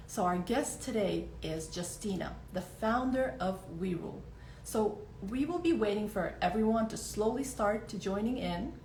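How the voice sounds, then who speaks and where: Upbeat woman host, slightly gravelly voice. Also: mid-range voice, a little mellow. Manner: friendly, upbeat, fills waiting time with small talk. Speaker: podcast host. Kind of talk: live-streamed interview. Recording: echoey room with faint background noise.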